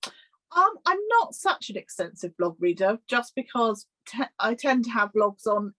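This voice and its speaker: A woman in her thirties, a guest on a video-call interview, speaking in a relaxed, hesitant way with frequent ums and small laughs. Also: on the high side, measured pace, rough recording. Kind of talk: casual interview chat.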